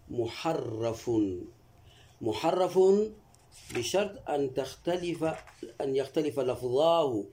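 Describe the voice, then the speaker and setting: A man teaching classical rhetoric in a traditional lesson, speaking slowly and repeating key words. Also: mid-range voice, dark tone. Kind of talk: traditional text lesson, explaining line by line.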